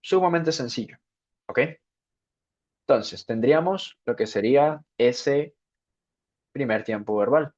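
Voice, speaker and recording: A man's voice: medium pitch, darkish tone. A man giving a spoken English grammar lesson, explaining step by step and checking in with "ok" after each point. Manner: slow, repeats "ok" to check understanding. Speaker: English teacher. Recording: dull lo-fi sound.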